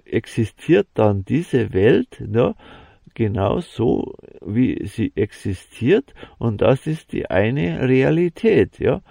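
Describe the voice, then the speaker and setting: Man for a slow-paced spiritual monologue, halting delivery, dry close sound. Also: medium pitch, gravelly, dark tone, no echo. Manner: halting, many fillers and repeated "ja"; slow, ponderous musing.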